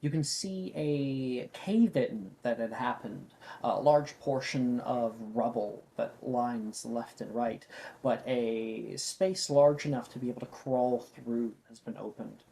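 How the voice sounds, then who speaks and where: A game master narrating a tabletop fantasy game, describing scenes in a halting, improvised way. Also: medium pitch, gravelly, warm tone.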